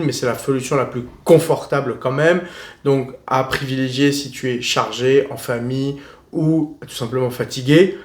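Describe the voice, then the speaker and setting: A man giving casual travel tips in a vlog, slangy, blunt and joking. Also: medium pitch. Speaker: travel vlogger. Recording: roomy echo.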